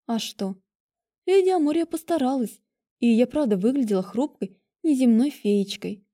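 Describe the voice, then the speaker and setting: A woman reading a first-person story aloud with lively, expressive delivery. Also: a little high, moderate pace. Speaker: audiobook reader. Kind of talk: first-person audiobook narration.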